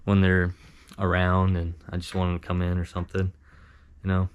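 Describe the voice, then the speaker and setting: Low-pitched man giving a casual tutorial. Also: completely flat delivery, clean tone. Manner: informal, modest, halting. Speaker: amateur hunter giving a tutorial. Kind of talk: casual instructional talk with demonstrations.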